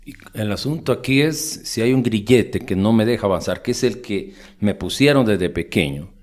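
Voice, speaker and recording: Podcast host, man, low-pitched, calm and measured. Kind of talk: podcast interview.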